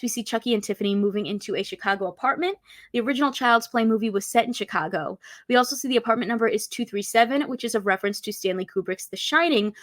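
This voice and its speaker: A woman's voice: fairly high pitch, no echo. A woman presenting a scripted pop-culture video as a narrator.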